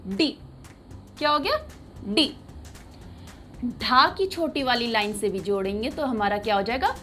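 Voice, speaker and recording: Lady teacher for little kids, talks slow, repeats every sound. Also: on the high side, animated, a bit bright, slight background noise. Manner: patient, repeats each sound with a question. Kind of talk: children's writing lesson.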